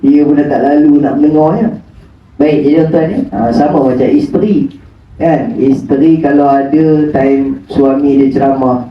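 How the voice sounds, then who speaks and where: A man's voice: fairly high pitch, a little hiss or hum. A man giving a joking religious lecture with teasing rhetorical questions in a mosque prayer hall, recorded on a phone from a distance. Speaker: religious preacher. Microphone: phone camera at a distance. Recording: echoey hall from far off, dull phone audio.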